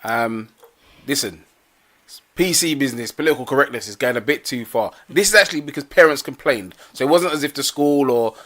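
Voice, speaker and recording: Opinionated man, bright tone. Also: medium pitch, brisk. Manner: steady, opinionated explainer. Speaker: podcast co-host. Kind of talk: casual discussion.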